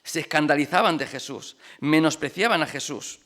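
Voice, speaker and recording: Chatty pastor, bright voice. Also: male voice, on the high side, moderate pace. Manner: lively, chatty, rhetorical questions to the congregation. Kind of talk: conversational sermon. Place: church.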